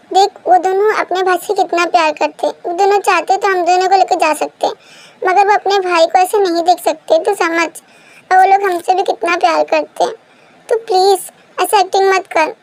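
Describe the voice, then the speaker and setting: A woman voicing a coaxing best friend. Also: very high-pitched. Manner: coaxing, insistent.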